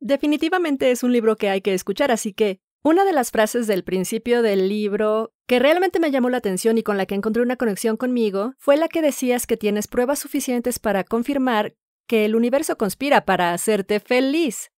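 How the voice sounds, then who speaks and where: A woman's voice: on the high side, expressive, a little fast, a little mellow, no echo, clean studio sound. A woman in her thirties from the Dominican Republic, a grateful audience member asking a question on a live video call. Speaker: audience caller.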